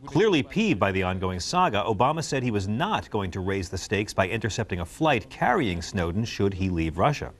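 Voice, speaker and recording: A man's voice: fairly low pitch, brisk, few pauses. A man hosting a news talk show, reading scripted commentary with a wry, joking delivery. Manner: lively, wry delivery with dry jokes.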